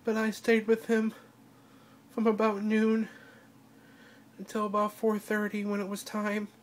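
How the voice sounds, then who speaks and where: A tearful woman records a personal video diary in a flat, even voice that barely rises or falls. She speaks haltingly, trailing off and starting her sentences over as she cries. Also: medium pitch. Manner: halting, with broken-off restarts. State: crying. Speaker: vlogger.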